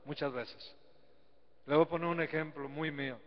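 Priest preaching in an echoing church. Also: male voice, a little high, steady tone, moderate pace. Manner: asks rhetorical questions and calls for congregation replies; folksy, teasing preaching. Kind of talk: sermon and prayer at Mass. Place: church sanctuary. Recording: dull lo-fi live stream with long church reverb.

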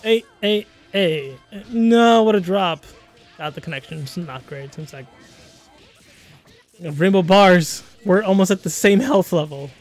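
A man in his twenties commentating a fighting game stream in a casual, laughing way, with quick excited calls of the action. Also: high voice, faint music behind. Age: 20s.

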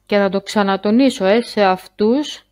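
A woman talking casually to her viewers in a vlog, chatty and halting, full of fillers and restarts. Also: mid-range voice, a little mellow, no echo. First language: Greek. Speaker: YouTuber. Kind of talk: casual screen-share vlog.

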